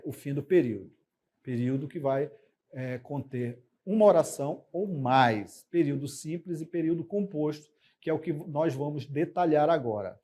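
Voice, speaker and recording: Brazilian male teacher, fairly high mellow voice, patient explainer who pauses on fillers and checks in with "ok?". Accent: Brazilian Portuguese. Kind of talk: recorded classroom lesson.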